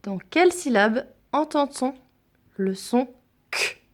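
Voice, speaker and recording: Slow-speaking woman teaching phonics. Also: medium pitch. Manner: slow, deliberate, repeats sounds and example words. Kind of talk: phonics lesson for young children.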